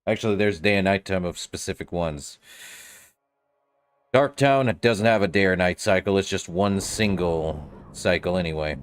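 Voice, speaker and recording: Casting: male let's-play streamer, low register, offhand self-directed commentary. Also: moderate pace, faint music behind. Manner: offhand, muttering reactions to self. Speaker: game streamer.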